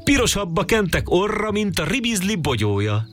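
A man's voice: high-pitched, big pitch swings, fairly bright tone, soft background music, pitched above the performer's own voice, exaggerated voice. A man voicing a playful, courtly old grandfather in a read-aloud storybook, talking in a teasing sing-song way. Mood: playful, gallant. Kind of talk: storybook reading.

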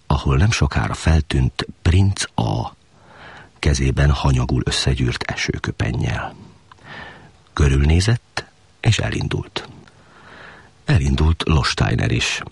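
A man reading a literary novel aloud as narrator, in a hushed, even manner. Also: a bass voice, husky, no echo.

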